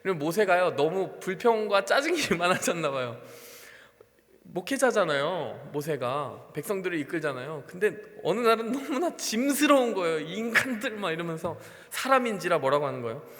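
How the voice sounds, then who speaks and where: Male pastor, high voice, lively sermon delivery, echoing sanctuary reverb. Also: moderate pace, slight background noise. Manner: animated, acts out quoted prayers with sighs and laughs. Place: church sanctuary. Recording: long hall reverb.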